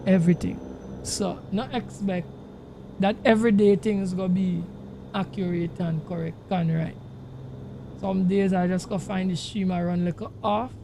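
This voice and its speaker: At normal speed and with fairly even intonation, the gravelly Jamaican gamer chats to his stream while steering a truck sim. His casual talk is insistent and repetitive, set against the noisy rumble of the game's engine.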